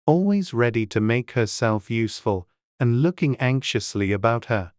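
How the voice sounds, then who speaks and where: A woman's voice: extremely low pitch, animated, moderate pace, a little mellow, no echo, clean studio sound. A woman narrating a classic storybook in a dramatized audiobook reading.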